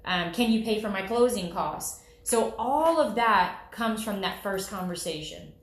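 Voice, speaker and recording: A woman's voice: mid-range voice, animated, a little slow. A woman loan officer explaining the home loan process in a conversational way, often checking in with "okay?". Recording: roomy, echoey room.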